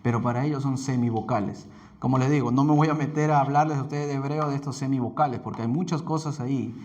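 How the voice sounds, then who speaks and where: A man's voice: medium pitch, darkish tone. A man with a Peruvian Spanish accent teaching a Bible institute class, talking conversationally, repeating himself and correcting himself with fillers. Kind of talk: classroom lecture.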